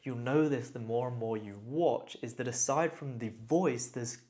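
A man's voice: medium pitch, normal speed, darkish tone. A man hosting a casual tutorial, enthusiastically talking the viewer through each step. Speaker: tutorial host. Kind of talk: casual screen-recorded tutorial.

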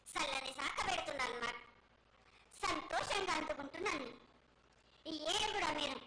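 A woman speaking as a festival oracle in a declamatory, repetitive prophetic trance voice. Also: extremely high pitch. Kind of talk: ritual prophecy spoken as the goddess. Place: temple festival ceremony. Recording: echoey, very noisy live festival broadcast.

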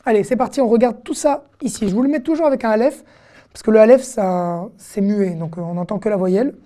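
Woman, teacher, mellow voice, patient, repeats syllables, casual fillers. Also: mid-range voice, brisk. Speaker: Hebrew teacher. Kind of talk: online reading lesson.

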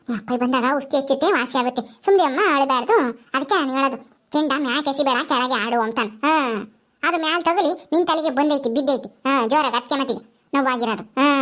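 A woman's voice: sits high, a bit bright. An older woman, talking casually in a home vlog, soothing and scolding a crying grandchild. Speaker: grandmother comforting a child.

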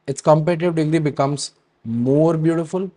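A male teacher with a voice pitched a little high explains grammar rules to students. He keeps checking in with a quick "right?" and reads through word lists in a steady rhythm that drops at the end of each set. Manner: checks in with a frequent "right?" and stops to hesitate.

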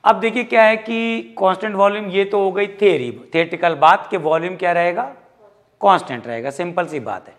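Guy teaching physics, fairly high voice, jokey, throws in english words. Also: fairly quick. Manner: lively, jokey, mixes English terms into Hindi. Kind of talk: classroom lecture.

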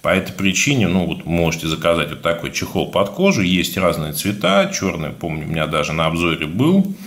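A man with a speech impediment on his r's, giving a casual, halting product review as a video blogger. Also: deep voice, sing-song, fairly bright tone. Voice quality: burred, defective r sound. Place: indoors, at a table, hands-only shot.

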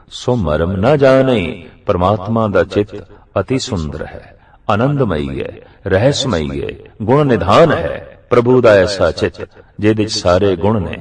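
A man delivers a sermon slowly and deliberately, his voice sitting a little low. He stretches out each verse he recites. He is picked up from some distance off the mic. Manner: slow, measured, recites verses drawn out. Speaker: preacher. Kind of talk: religious discourse.

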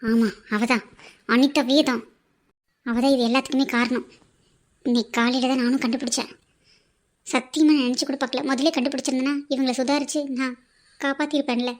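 A woman's voice: sits high, little pitch movement, fairly quick, long pauses, a little hiss or hum, natural voice. A woman voicing a young sister-in-law in a cartoon drama, hesitant and apologetic as she holds back a painful secret. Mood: confessing.

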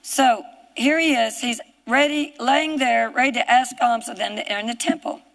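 Woman preacher, Southern US accent, fervent, reads scripture, high pitch. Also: fairly even intonation, moderate pace, gravelly, long reverb tail, low-quality recording. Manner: fervent, rising to shouts, reads scripture aloud. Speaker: preacher on a ministry broadcast. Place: television studio set.

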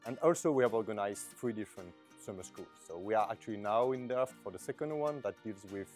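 A man's voice: lowish voice, expressive, quick pace, darkish tone. Middle-aged man, interview, informative delivery, light music bed. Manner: informative, hesitant fillers. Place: large bright indoor hall.

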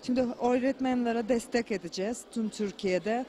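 A woman answers an interviewer in halting, broken Turkish, speaking into a handheld microphone. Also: on the high side, mellow, a little hiss or hum. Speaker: association president, Russian teacher. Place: indoor event venue. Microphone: handheld reporter microphone.

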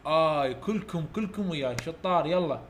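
A man with an Iraqi Arabic accent, teaching English letters to children online, coaxing loud repetition and heaping praise. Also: a little high, expressive, brisk, heavy background noise. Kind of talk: online letter-drill lesson.

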